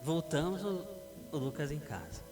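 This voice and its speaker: A middle-aged Brazilian man preaching a sermon as pastor, lively and acting out parents and teens in a church hall. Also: on the high side, normal speed. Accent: Brazilian Portuguese. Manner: animated, acts out parents and teens. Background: background music.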